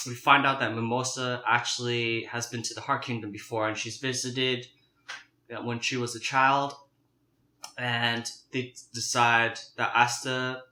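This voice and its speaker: Young male mukbang host eating crunchy fried chicken, crisp bright tone, halting casual delivery, echoey kitchen. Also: mid-range voice. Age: young adult. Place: home kitchen, indoors. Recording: roomy, echoing kitchen sound.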